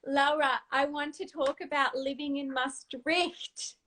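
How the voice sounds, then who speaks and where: A woman hosting a casual livestream chat, telling backstage stories with lots of laughter. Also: sits high. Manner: warm chatty storytelling with laughter. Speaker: host.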